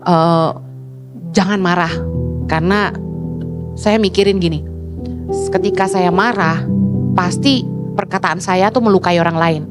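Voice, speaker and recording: A middle-aged woman pastor preaching a sermon in an animated way, acting out quoted people in high voices. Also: measured pace, long pauses. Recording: music playing behind the voice.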